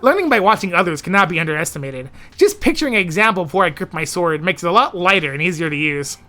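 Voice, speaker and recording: A woman's voice: fairly low pitch, expressive, fast talker, a bit bright. A woman reading first-person visual novel narration expressively as narrator of a playthrough. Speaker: narrator and editor of a playthrough series.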